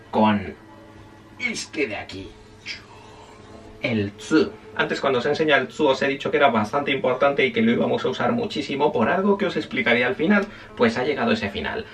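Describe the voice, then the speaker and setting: A man's voice: mid-range voice, gravelly, distant mic, lo-fi sound. A man teaching a casual spoken language lesson, chatty and self-correcting, often checking in with his listeners.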